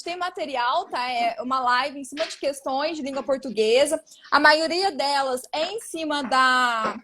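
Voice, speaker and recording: A woman's voice: high-pitched, a bit bright. A woman from southern Brazil with a southern Brazilian accent, a Portuguese teacher chatting through a live exam-prep lesson and explaining step by step.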